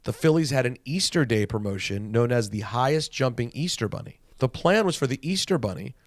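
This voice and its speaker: A man's voice: mid-range voice, dry recording. A man co-hosting a podcast in casual chat, playful and argumentative, telling stories in between. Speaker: podcast co-host.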